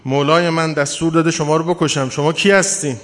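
A preacher voicing a devout defiant slave. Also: male voice, fairly high pitch, steady tone, a bit bright, lightly acted. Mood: earnest. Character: loyal devout male slave, defiant to his master. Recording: long hall reverb.

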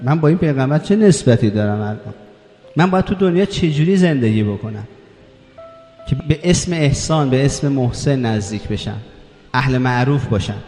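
A man's voice: mid-range voice, expressive, darkish tone. A man delivering a religious sermon, reciting Arabic scripture and asking his listeners rhetorical questions. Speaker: preacher. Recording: echoey hall with faint music.

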